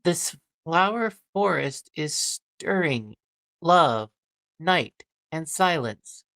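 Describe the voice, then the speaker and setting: A woman voicing a mischievous male fairy servant in an amateur Shakespeare reading, halting and stumbling over the verse. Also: deep voice, lively intonation, fairly bright tone, dry recording, studio quality, exaggerated voice. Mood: solemn.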